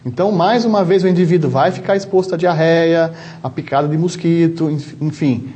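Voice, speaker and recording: Guy w/ sao paulo interior accent explaining stuff as a doctor, slowish careful answers, restarts a lot, warm mellow tone, bit high for a man. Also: slight background noise. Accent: São Paulo interior Brazilian Portuguese. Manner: measured, explanatory, many restarts and "né". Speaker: travel medicine doctor, guest.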